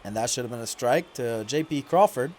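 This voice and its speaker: A man giving casual play-by-play commentary over his video game, mostly relaxed and now and then complaining loudly about calls. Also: medium pitch, a little fast, slight background noise. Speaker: gaming YouTuber.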